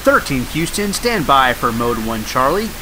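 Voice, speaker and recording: A man voicing a brisk astronaut and mission radio operator in a re-enactment, clipped and procedural. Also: mid-range voice, very animated, background noise, natural voice. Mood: brisk, official.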